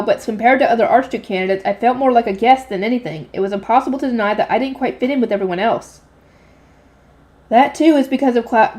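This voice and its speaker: A woman's voice: a little high, a little mellow. A woman reading a light novel aloud, unrehearsed, often slipping and correcting herself. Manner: unrehearsed reading with frequent slips and self-corrections.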